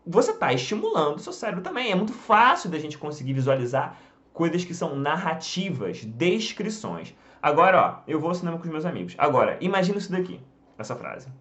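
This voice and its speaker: A man's voice: sits high, fairly bright tone, muffled recording. A Brazilian man teaching an online lesson in casual chat, pointing at a board and dropping frequent "tá?" fillers. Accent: Brazilian Portuguese. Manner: talks while drawing on a board, many fillers like "tá?" and "ó". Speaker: English teacher.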